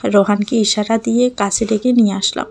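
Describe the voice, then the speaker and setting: A young woman narrating a first-person audio story in a lively way, acting out her own scenes. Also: mid-range voice, a little fast, creaky.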